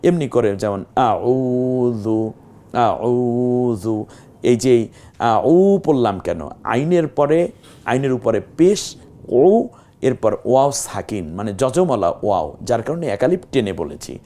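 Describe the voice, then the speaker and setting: Man teaching Quran recitation, slow drawn vowels. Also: mid-range voice, big pitch swings, mellow. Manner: explains step by step, asks and answers own questions; draws out vowels slowly when demonstrating. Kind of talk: televised Quran reading lesson.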